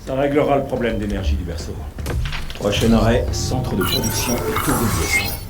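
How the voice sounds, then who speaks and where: Guy acting as game hero, practical and skeptical, loud music all over him. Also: fairly low pitch, lively intonation, normal speed, close to an everyday voice. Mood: matter-of-fact. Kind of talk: video game dialogue.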